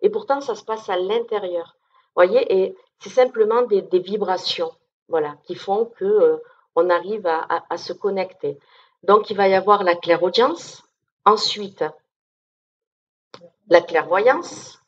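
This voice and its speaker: A woman's voice: mid-range voice, unhurried, muffled recording. A woman medium giving an informal conference talk to an audience, down-to-earth and chatty, often checking in with listeners. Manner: down-to-earth, chatty, many fillers and check-ins.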